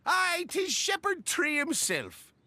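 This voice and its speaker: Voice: extremely high pitch, huge pitch swings, slow, no echo, pitched above the performer's own voice, exaggerated voice. A voice actor playing a jolly Irish shepherd man with a lilting brogue, over cartoon music. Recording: cartoon with loud music behind.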